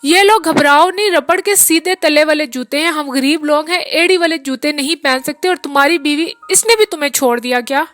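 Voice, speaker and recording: Woman narrator doing a tired working man, rueful and rambling, high bright reading voice, dry close sound. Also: brisk, hardly any pauses, dry recording, faint music behind. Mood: weary, rueful. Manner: long rambling confessional talk. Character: weary peasant-born man, bitter yet brotherly.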